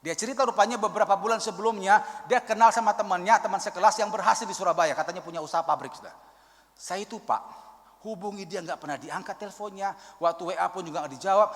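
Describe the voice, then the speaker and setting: A man's voice: sits high, fast talker, fairly bright tone. A man preaching a sermon in a church, telling a story, acting out its dialogue and calling for amens. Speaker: evangelist preacher. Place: church hall. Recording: long church hall reverb.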